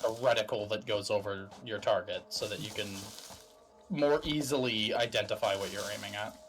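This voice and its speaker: Co-host just chatting along, quick little reactions, bit of music under it. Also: mid-range voice, a bit bright. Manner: reacts with short interjections. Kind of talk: casual chat.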